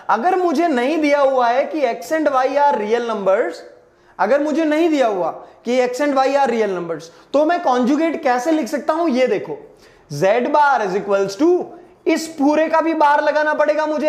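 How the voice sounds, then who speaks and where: A man teaches math in a live online class, switching between Hindi and English and calling students "beta." He talks slowly with a high voice and stretches out the key terms. His voice carries an echoey room sound. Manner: drawn-out emphatic explanations, repeatedly asking if everyone is clear.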